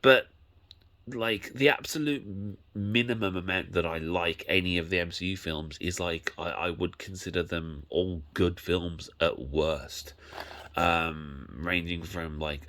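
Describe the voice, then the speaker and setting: A man's voice: deep voice, fairly bright tone. A man, casually showing off his movie collection and rambling, often correcting himself as he talks.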